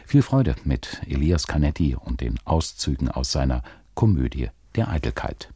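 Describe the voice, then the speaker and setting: Man, radio presenter, scripted introduction, very deep, dark husky voice, dry studio sound. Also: big pitch swings, moderate pace, dry recording.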